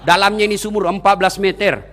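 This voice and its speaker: A male preacher, giving a comedic sermon in an animated, joking style, often shouting, in a large hall. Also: sits high, quick pace. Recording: long hall reverb.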